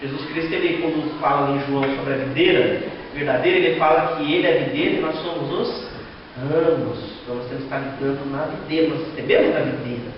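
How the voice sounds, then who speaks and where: A man's voice: on the high side, fairly even intonation, fast talker, slight background noise. A man preaching a sermon as pastor, with a Brazilian Portuguese accent, telling stories and acting out the voices of the people in them. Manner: storytelling, acting out quoted voices, rhetorical questions. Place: large echoey church hall. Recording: echoey hall from far off, dull sound.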